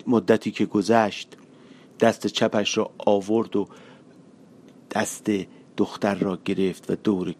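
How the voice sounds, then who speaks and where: Male storyteller reading an audiobook. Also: on the low side. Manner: measured, colloquial storytelling. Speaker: narrator.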